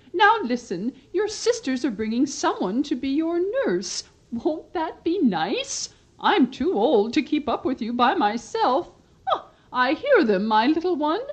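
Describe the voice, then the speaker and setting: A woman playing a gentle mortal mother who talks to her baby boy in a soft, cooing, motherly way. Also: high-pitched. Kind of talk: storybook radio drama.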